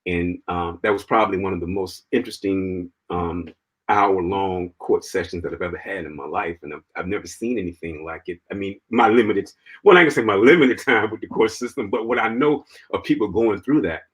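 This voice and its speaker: A man's voice: low voice, fairly quick, slightly rough, low-quality recording. Man telling his story as a guest. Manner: animated, laughing, peppered with "man" and "you know". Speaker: interview guest. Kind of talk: personal storytelling in conversation.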